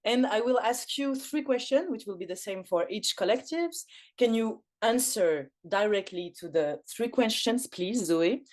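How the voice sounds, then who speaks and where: This Belgian woman leads an online forum in English on a video call, her speech hesitant and packed with fillers and restarts. Her voice is a little high and animated, a little slow and a little mellow.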